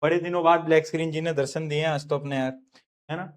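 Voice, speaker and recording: A man's voice: a little high, fairly even intonation, fast. A man teaching a live online science class in Hindi, chatty and teasing his students, slipping into English terms.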